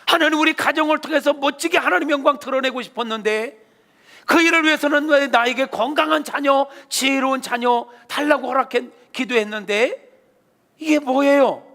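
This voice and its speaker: A preacher playing an anguished, shouting young father. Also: very high-pitched, moderate pace, in a large hall, pitched above the performer's own voice, heavily acted. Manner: loud, pleading and accusing.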